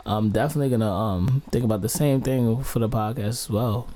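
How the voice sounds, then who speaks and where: Mellow-voiced joking man podcast host. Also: mid-range voice, fairly quick. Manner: joking, slangy banter. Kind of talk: casual chat.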